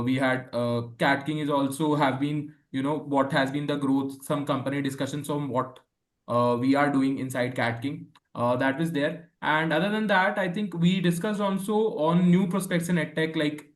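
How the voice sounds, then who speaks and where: A young Indian man informally recounting his experience as a student guest, in a halting way with frequent fillers. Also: fairly high pitch, steady tone. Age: young adult.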